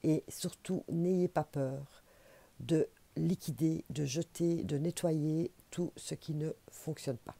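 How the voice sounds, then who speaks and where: A woman's voice: deep voice, fairly even intonation, slow, gravelly, warm tone, no room sound. A woman with a Belgian French accent, giving a chatty, encouraging oracle card reading to camera and repeating herself for emphasis. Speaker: intuitive oracle card reader.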